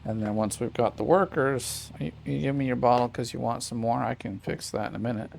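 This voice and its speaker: Gravelly-voiced man playing a game. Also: medium pitch, a little fast, darkish tone, a little hiss or hum. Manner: rambling, self-correcting, chatty asides to a child. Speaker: gaming channel host. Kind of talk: casual gameplay commentary. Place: home desk with a small child nearby.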